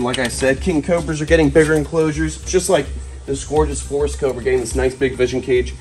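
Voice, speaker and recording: A man in his twenties with a medium-pitched voice hosts a hands-on animal vlog. He talks casually and with playful enthusiasm, often exclaiming as he works. He is in a large metal-walled room, a few feet from the camera, with music behind him. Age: 20s. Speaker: host, snake keeper. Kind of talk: casual vlog commentary while handling animals.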